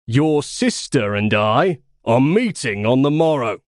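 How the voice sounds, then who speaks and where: A man's voice: mid-range voice, sing-song, measured pace, no echo. A man voicing a boastful, lovestruck young Spartan warrior in an audiobook, cocky and blustering. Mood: indignant. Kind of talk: audiobook character voice.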